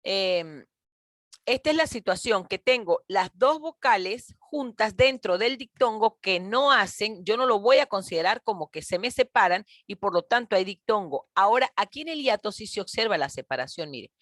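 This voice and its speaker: Over a video call on a computer mic, a woman teacher gives an online grammar lesson in a medium-pitched, slightly bright voice with lively intonation and moderate pace. Patient and encouraging, she calls her pupils "mis niños" and "chicos" and often checks with "¿ok?". The studio-quality sound has no echo.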